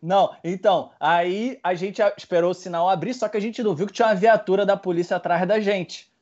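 A man's voice: high voice, a little fast. A man casually telling friends a story and acting out the voices of the people in it. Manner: animated, acts out voices in his story. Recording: dull lo-fi sound.

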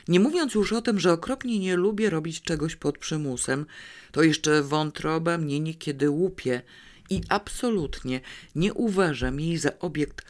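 Woman, audiobook narrator, scripted first-person reading, ironic dry humour. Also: sits low. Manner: wry, ironic storytelling.

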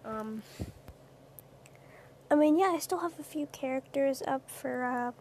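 A woman's voice: sits high, measured pace, a little mellow, slight background noise. A young woman streamer rambling hesitantly in a casual late-night chat, with lots of fillers.

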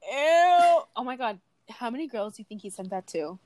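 A young woman co-hosts a casual podcast and answers in quick, teasing reactions. Her fairly high voice moves up and down a lot, and the close mic sounds dry. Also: sing-song, a little mellow, no echo. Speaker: podcast co-host. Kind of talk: casual chat.

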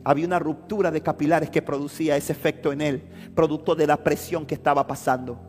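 Fervent preaching pastor in a hall. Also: male voice, fairly high pitch, steady tone, fast talker, darkish tone. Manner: preaching with rising fervor, repeating phrases. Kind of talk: sermon.

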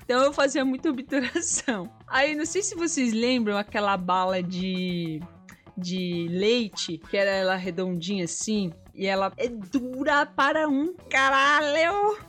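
A woman's voice: on the high side, a little slow, a bit bright, faint music behind. A woman co-hosting a podcast, telling childhood stories in casual chat and laughing often as she talks. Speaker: podcast co-host.

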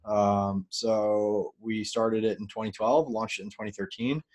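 A man speaking as a podcast guest, telling stories in a relaxed, animated way with plenty of fillers. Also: on the low side, a little slow. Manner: relaxed, animated, loose with fillers and an occasional curse. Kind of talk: casual interview storytelling.

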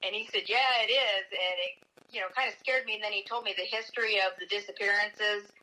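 A woman's voice: medium pitch, steady tone, fast, pushed and bright, low-quality recording. An American woman in her forties casually recounting events as an interview guest over speakerphone. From Tri-Cities, United States. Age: 40s. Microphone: speakerphone call.

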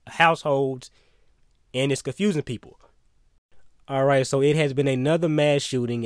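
A man's voice: mid-range voice, no echo, clean studio sound. Blunt, emphatic man giving opinions. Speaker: opinion commentator. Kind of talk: solo opinion monologue.

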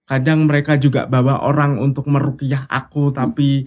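A man as an interview guest, telling a personal story in casual chat, animated and acting out the voices of people he quotes. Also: mid-range voice, moderate pace.

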